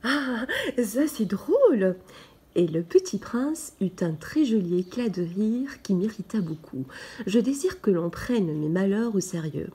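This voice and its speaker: A woman narrates a storybook slowly and gently, often sinking into a whisper. Her voice is mellow and dark in tone, with a breathy, husky edge. She takes her time over every phrase. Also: medium pitch, animated. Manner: slow, gentle first-person narration. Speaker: storybook reader. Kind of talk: soft, partly whispered storybook reading.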